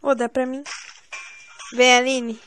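High-voiced woman bossing her squad. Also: flat delivery, slow, fairly bright tone, poor audio. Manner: bossy, teasing, exasperated banter with teammates. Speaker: gameplay channel host. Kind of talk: casual gaming commentary. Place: at home.

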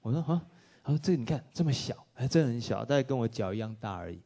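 At a film workshop, a man tells stories to an audience with lots of energy, acting out the dialogue and laughing often. He talks quickly in a mid-range voice with some vocal fry.

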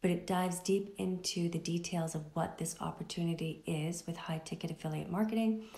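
A woman vlogger answering a viewer's question casually, speaking softly with a morning voice, partly in a whisper. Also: lowish voice, steady tone, normal speed, vocal fry, echoey room. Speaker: affiliate marketing vlogger. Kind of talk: casual direct-to-camera answer.

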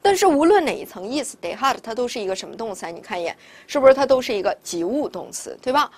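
女老师，讲课时不停自问自答. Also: female voice, on the high side, big pitch swings, fast talker. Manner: explains step by step, asks rhetorical questions. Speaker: Spanish teacher. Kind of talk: recorded vocabulary lesson.

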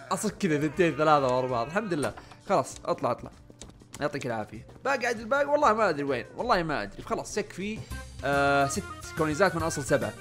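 A young man giving casual let's-play commentary, muttering to himself and yelling when things go wrong. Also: on the high side. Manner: chatty, often muttering under his breath, bursts of panicked yelling. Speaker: gaming channel host.

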